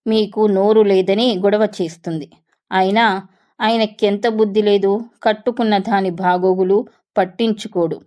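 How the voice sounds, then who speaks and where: An old milkman full of bitter indignation, as a woman narrator voices him. He talks with outrage in this storybook reading. The voice stays at a middle pitch. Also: steady tone, unhurried, warm tone, natural voice. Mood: indignant.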